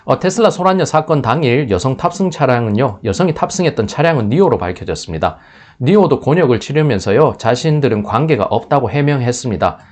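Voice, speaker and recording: A man's voice: medium pitch, animated, fast, a little mellow. A man talks through finance news in a loose, unscripted way. He often stops partway through a word and starts it again, with filler sounds between thoughts. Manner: thinking aloud, with restarts and filler sounds. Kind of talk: spoken news commentary.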